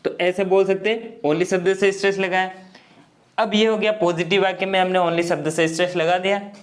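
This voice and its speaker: A man explains English grammar in Hindi step by step, going slowly and repeating himself while often checking that students follow. His voice sits high with a level tone.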